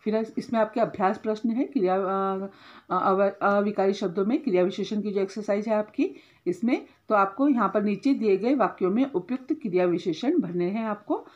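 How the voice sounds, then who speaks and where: A woman's voice: mid-range voice, moderate pace, a little mellow, dull audio. A woman teacher giving a grammar lesson to schoolchildren, explaining step by step, often checking in with a short tag question and correcting herself as she goes.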